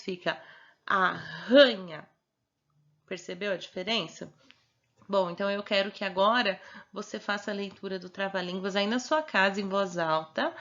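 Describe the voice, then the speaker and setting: A woman teacher giving a recorded remote lesson, patiently sounding out words slowly and checking that the child follows. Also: mid-range voice, a bit bright. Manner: patient, slow, spelling words out. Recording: muffled lo-fi recording.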